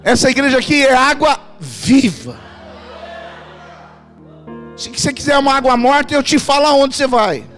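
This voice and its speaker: A man's voice: very high-pitched, animated, moderate pace, long pauses, a bit bright, faint music behind. A man preaching a sermon, emphatic and calling on the congregation to answer back, at a church. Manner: emphatic, calls the congregation to respond. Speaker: pastor. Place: church in Portugal.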